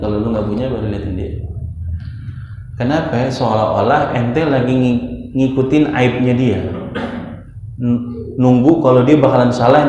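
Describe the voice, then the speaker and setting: A man's voice: mid-range voice, dark tone. Guy teaching a kitab class, reads arabic then explains it all slangy, keeps asking if u get it, dull muffled sound, faint hiss. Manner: reads Arabic lines then explains in casual slangy talk, often asks if students understand. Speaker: Islamic religious teacher. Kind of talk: teaching a classical text to students. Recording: echoey dull lo-fi hall recording.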